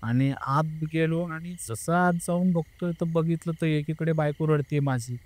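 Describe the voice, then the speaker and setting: A young man with a fairly high voice tells a tense personal story in an earnest, emotional way. He acts out the words of the people around him. The sound is dry and close, with no room echo. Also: moderate pace, darkish tone. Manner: earnest, emotional, re-enacts family members' words. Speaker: guest telling a personal story. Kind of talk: casual interview storytelling.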